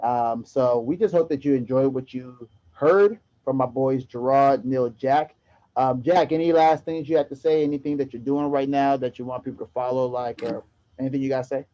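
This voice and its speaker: A man hosting a casual basketball podcast, excitable and prone to getting loud. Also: medium pitch, moderate pace. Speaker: podcast host. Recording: dull lo-fi audio.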